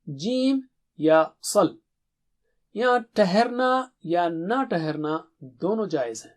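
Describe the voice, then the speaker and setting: A Quran recitation teacher gives a short recorded tajweed lesson in a clear, measured teaching voice that sits high with lively intonation. For his examples, he slows into melodic recitation.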